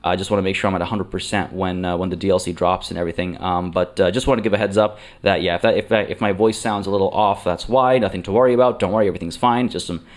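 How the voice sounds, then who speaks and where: Hosting a let's play, a man with a deep voice talks fast with fairly even intonation and hardly any pauses. He rambles with lots of fillers and restarts and seems slightly under the weather.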